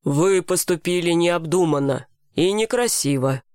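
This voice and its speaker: A woman's voice: fairly low pitch, expressive, unhurried, a little mellow, no room sound, studio quality. A woman voicing a firm but kindly male firefighter who speaks frankly.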